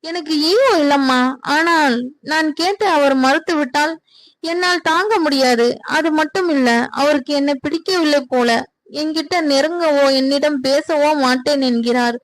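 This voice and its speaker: A woman's voice: sits high, normal speed, no room sound, close to an everyday voice. A woman voicing a hurt, hesitant young wife who sounds pleading and unsure.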